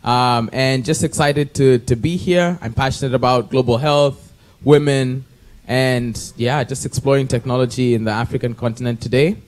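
A man's voice: medium pitch, steady tone, normal speed. Playful man introducing himself at a conference. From Kenya. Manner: playful, chatty. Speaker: conference participant. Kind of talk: self-introduction to an audience. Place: conference room with audience. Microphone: handheld mic.

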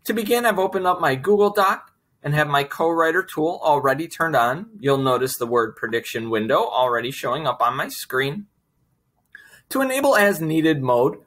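Male screencast trainer, thirties, animated intonation, forward bright tone, step-by-step instructional delivery. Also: fairly high pitch. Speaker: software trainer presenting a tutorial.

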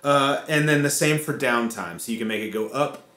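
A man's voice: medium pitch, fairly quick, sharp tone, reverberant. A man casually explaining guitar effect settings step by step, with frequent fillers. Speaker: co-host demonstrating guitar effects.

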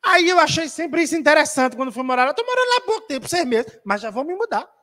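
A man's voice: extremely high pitch, big pitch swings, fast, pushed and bright. A man giving a spiritist lecture in an auditorium, telling a story in a chatty, teasing way and calling out audience members by name.

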